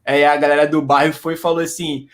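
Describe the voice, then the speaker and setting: A man from Belford Roxo, a guest who makes history memes, answering in a relaxed, slangy way. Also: fairly high pitch, quick pace. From Belford Roxo, Brazil. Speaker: guest, history meme creator. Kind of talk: casual interview answers.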